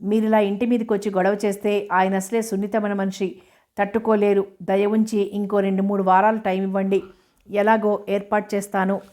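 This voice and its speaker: A woman voicing a gentle young married woman who speaks politely and pleads softly. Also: mid-range voice, level tone, a little fast, lightly acted. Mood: pleading.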